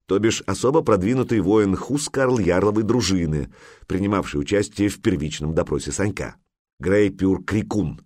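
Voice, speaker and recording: A man narrating an adventure audiobook in an expressive, storytelling manner. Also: sits low, dry recording, studio quality.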